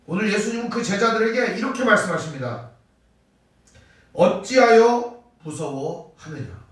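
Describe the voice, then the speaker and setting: A male pastor preaching a Wednesday sermon, asking rhetorical questions and acting out quoted lines with big swings in pitch and loudness, recorded in a church sanctuary. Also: far from the mic. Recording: very echoey church hall, voice from off-mic.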